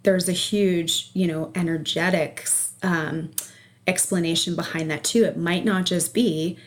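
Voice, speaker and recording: Woman, coach, interview guest, lower-leaning pitch, conversational, explanatory, checks for agreement. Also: steady tone, unhurried. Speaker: energy and life coach, podcast guest.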